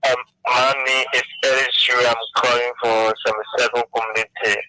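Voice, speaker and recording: Slow, halting caller on the phone. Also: male voice, medium pitch, flat delivery, bright, forceful tone. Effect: phone line.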